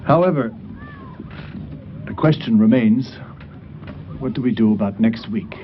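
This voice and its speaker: An actor as a practical, questioning choir man in an old TV drama. His medium-pitched voice comes through dull sound with faint noise. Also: unhurried, natural voice. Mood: concerned. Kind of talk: 1980 television film acting.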